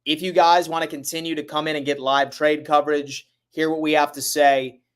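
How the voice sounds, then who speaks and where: A man hosting a casual sports livestream, talking to his viewers in a hurried, urgent way. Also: a little high, flat delivery, clean tone.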